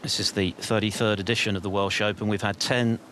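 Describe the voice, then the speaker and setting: A man giving hushed, measured, polished live snooker commentary as the lead broadcaster. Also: on the low side, little pitch movement, slight background noise.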